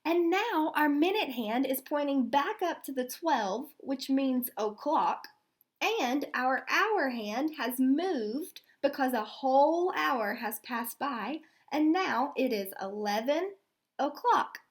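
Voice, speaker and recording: Her voice is high, and she reads like an elementary school teacher, working through each step with slow deliberation. The wide swings in her pitch make the story feel animated.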